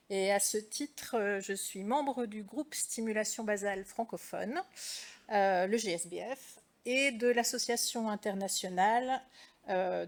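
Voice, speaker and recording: A woman, a clinical psychologist and trainer, giving a conference presentation in a measured, structured way. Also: mid-range voice.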